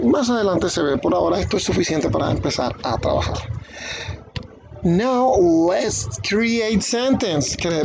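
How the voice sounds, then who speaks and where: A man's voice: a little high, creaky, noisy background. Man teaching English in Spanish. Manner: explains slowly, repeats English words then gives Spanish meaning. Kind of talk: beginner English lesson in Spanish.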